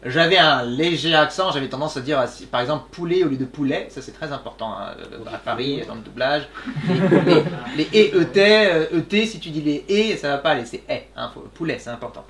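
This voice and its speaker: Bright-voiced chatty French-speaking man. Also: fairly high pitch, lively intonation, brisk. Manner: chatty, laughing often, lots of fillers. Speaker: voice actor guest. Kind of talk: casual Q&A talk. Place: small workshop room with audience.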